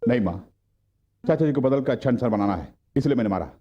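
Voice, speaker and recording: A man's voice: mid-range voice, expressive, quick pace, highs cut off, lightly acted. A man voicing a stern young hero. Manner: stern, lecturing. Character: bold young man punishing his uncle. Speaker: hero in a dubbed film. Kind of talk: Hindi film dubbing.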